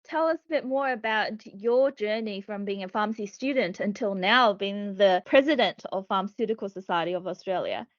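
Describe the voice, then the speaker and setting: A woman's voice: mid-range voice, normal speed, few pauses, muffled recording. A woman hosting a podcast, reading a formal, upbeat introduction and asking interview questions. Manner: upbeat, formal, reads from a script. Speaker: podcast host.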